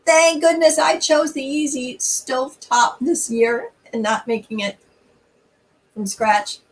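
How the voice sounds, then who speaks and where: At a slow pace and in a high-pitched voice, a middle-aged woman runs a church storytime, recorded far from the mic. Her talk is informal, and she reads aloud expressively, as if conversing straight with her listeners.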